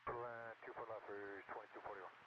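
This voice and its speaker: A man speaking as an airline pilot over an air traffic control radio from his cockpit headset, giving brisk, terse readbacks. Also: lowish voice, steady tone, pushed and bright. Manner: brisk, terse aviation phraseology. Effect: air traffic control radio transmission from a pilot's cockpit headset. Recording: muffled radio feed with hiss.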